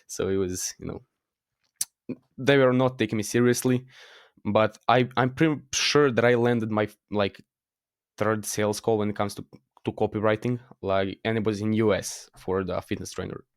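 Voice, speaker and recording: A man's voice: fairly low pitch, fairly even intonation, moderate pace, no echo, clean studio sound. A teenage man with a Croatian accent, a guest in a casual interview, talking hesitantly with many fillers and restarts. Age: teens. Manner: hesitant, frequent fillers and restarts, laughs at himself.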